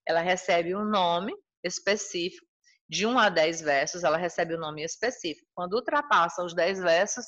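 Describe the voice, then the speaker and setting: A woman's voice: medium pitch, fairly bright tone, dull audio. A woman with a Brazilian Portuguese accent teaching a recorded school lesson, explaining patiently and restating each point. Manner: explanatory, repeats and rephrases points.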